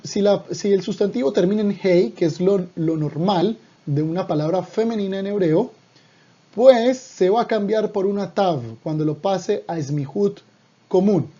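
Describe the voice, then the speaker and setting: Man, high voice, husky, patient grammar teacher, repeats examples, dull lo-fi sound. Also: dark tone. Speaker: Hebrew teacher. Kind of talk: explaining grammar to the viewer.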